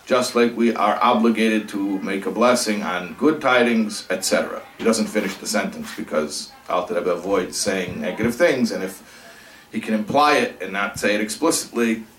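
A man teaching a religious class, lively and thinking aloud, acting out examples as he goes. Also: lowish voice, normal speed. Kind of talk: Torah class lecture. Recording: echoey room, from a distance.

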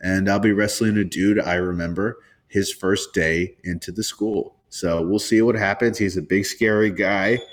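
A man in his twenties co-hosting a podcast, chatting casually about sports with relaxed, halting restarts. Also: low-pitched. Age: 20s. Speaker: podcast co-host.

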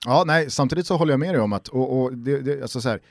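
A man's voice: mid-range voice, creaky. Man chatting and musing casually. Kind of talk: casual chat.

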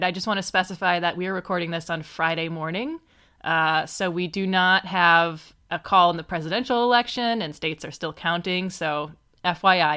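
A woman's voice: fairly low pitch, sharp tone. A woman hosting a podcast, asking questions in a wry, conversational way. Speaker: podcast host.

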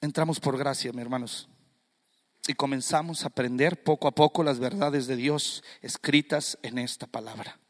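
A man preaching a sermon to a congregation in a fervent manner, rising to loud, emphatic delivery. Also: mid-range voice, steady tone, moderate pace, in a large hall.

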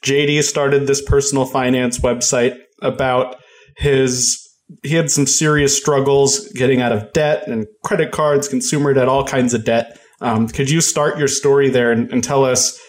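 A man hosts a relaxed podcast interview with a chatty, informal delivery. His voice sits at an ordinary male pitch, and he jokes lightly as he talks with his guest. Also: moderate pace. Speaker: podcast host. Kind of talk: casual chat, interviewing a guest.

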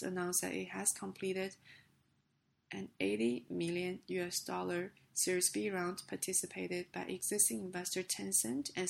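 A woman hosting a business news podcast, reading a script haltingly in a rough, gravelly, hoarse voice. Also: medium pitch. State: hoarse with a sick, coughing voice.

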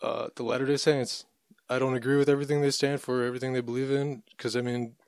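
A man in casual podcast conversation, easygoing and thoughtful, often pausing on fillers as he explains. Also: mid-range voice, little pitch movement, smooth, no echo, clean studio sound. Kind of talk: casual chat.

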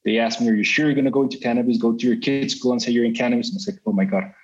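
A man's voice: medium pitch, fairly even intonation, rapid-fire, darkish tone, faint music behind. A middle-aged man from Colombia, a company CEO telling his story in an interview, talkative and full of "you know" fillers and restarts. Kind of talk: business interview. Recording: slightly muffled sound.

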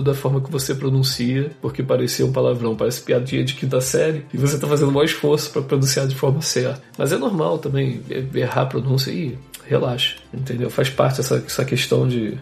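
A Brazilian man with a gravelly, creaky voice at a middle pitch, talking as a podcast guest. He rambles in a relaxed way and often restarts his sentences. Faint music sits under the voice. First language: Portuguese. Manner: relaxed, rambling, self-correcting. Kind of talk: casual interview chat.

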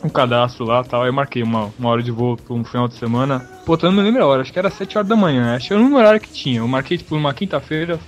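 A man telling a story in casual chat, lively and slangy, laughing along as he goes. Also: mid-range voice, rapid-fire, hardly any pauses, faint music behind. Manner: lively, slangy, laughs through his stories. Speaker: podcast guest, student pilot.

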